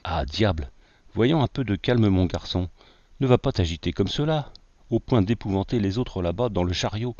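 A boastful, carefree artist who laughs off every danger, put on by a male reader. His voice sits low and swaggers along. The sound is dry and dull, like a lo-fi recording. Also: lively intonation, normal speed, darkish tone, no echo, natural voice. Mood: dismissive. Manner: swaggering, jokey nonchalance.

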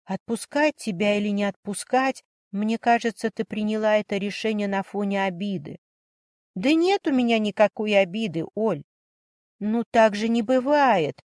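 A woman's voice: fairly high pitch, a little mellow, no echo, clean studio sound, lightly acted. A woman reading an audiobook story voices a worried, emotional young woman who pleads and fusses over her sister. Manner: pleading, fussing.

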